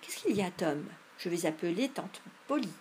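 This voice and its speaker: A woman's voice: lowish voice, lively intonation, moderate pace, background noise, close to an everyday voice. A woman reading a storybook voices an anxious younger brother, urgent and pleading.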